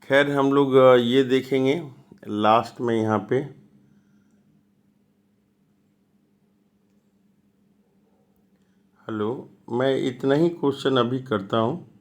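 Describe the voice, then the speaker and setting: A man with a Bihari accent, a school science teacher, slowly explaining worksheet answers and mixing Hindi with read-out English. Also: mid-range voice. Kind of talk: classroom lesson explaining answers.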